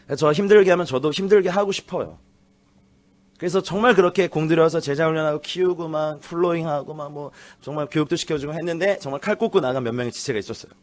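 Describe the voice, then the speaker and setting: Brief: male guest pastor, animated comic storyteller, slightly high voice, lively church sermon. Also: fast talker. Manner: animated, laughing storyteller, acts out teen voices. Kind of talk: lively sermon with acted quotes. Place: church sanctuary.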